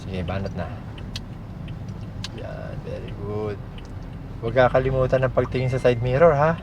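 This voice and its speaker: Speaking at medium pitch and a moderate pace, a Filipino driving instructor gives casual, hands-on coaching inside a moving car through short commands and tag questions. The sound is muffled, with loud engine and vehicle noise behind him.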